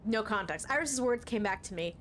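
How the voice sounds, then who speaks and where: A woman's voice: mid-range voice, animated, brisk, a bit bright, a little hiss or hum. A woman streamer doing chatty, amused let's play commentary, reading items aloud.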